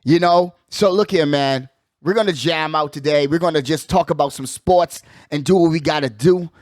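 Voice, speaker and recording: An American man hosts a casual sports talk show, hyped, slangy and emphatic, and he keeps repeating his catchphrases. His voice is a little high and moves at normal speed. The recording is studio quality with no echo.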